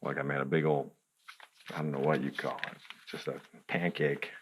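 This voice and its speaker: A deep-voiced man talks through a hands-on crafts demonstration, joking and addressing the viewer directly as he works. His voice sits very low. A faint hiss of noise runs under the recording. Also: level tone, moderate pace. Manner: playful, chatty, talks to the viewer while working. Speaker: crafts tutorial host.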